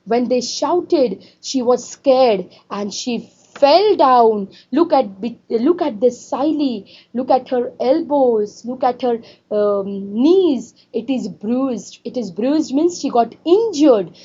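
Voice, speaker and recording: Woman teacher, mellow and high voice, quizzing her class. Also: lively intonation, slow pace, breathy edge, highs cut off. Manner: repetitive, asks students questions. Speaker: English teacher. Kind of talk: classroom lesson explaining a story.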